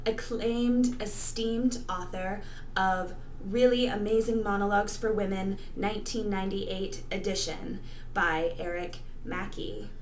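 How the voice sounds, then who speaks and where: A woman's voice: mid-range voice, fairly even intonation, unhurried. A young woman formally introducing herself to camera as a monologue performer. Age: young adult. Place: small bedroom, indoors. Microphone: webcam at arm's length. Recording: roomy webcam sound, faint noise.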